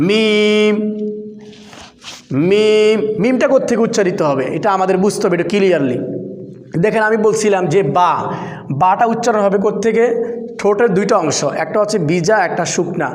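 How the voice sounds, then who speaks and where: A man's voice: sits high, a little fast. A man teaching adult beginners to pronounce the Arabic letters of the Quran, explaining patiently and repeating each letter several times. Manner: repeats each letter aloud, louder on drilled sounds. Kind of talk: slow, patient pronunciation lesson. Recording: echoey room with long reverb.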